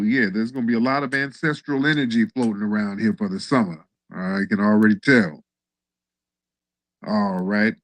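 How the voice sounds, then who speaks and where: A man hosting a livestream call-in show, chatting casually and getting excitable as he teases callers. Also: dry recording. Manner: excitable, shoots up in pitch when teasing callers. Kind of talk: casual chat.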